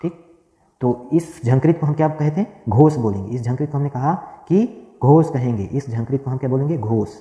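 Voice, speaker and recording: In a roomy, echoey space with a long reverb tail, a man with a mellow, dark, mid-range voice leads a grammar class at normal speed. He dictates notes, repeating each phrase several times, and keeps posing his own questions and answering them. The audio sounds dull.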